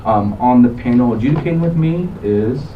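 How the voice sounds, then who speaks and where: A man's voice: mid-range voice, expressive, a little fast. Young man chairing a debate. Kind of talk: formal introductions at a student debate. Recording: distant mic, dull sound, noticeable room noise.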